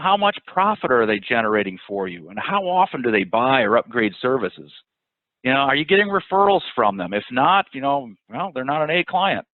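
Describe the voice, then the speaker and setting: A man's voice: mid-range voice, no echo. A man giving a casual sales training webinar, talking loosely with many fillers and restarts. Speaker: webinar presenter. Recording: dry, phone-like audio.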